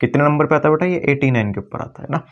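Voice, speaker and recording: A man teaching chemistry at a board, often slowing down to repeat key words and calling his students "beta". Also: fairly high pitch, lively intonation, muffled recording. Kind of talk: classroom lecture at a board.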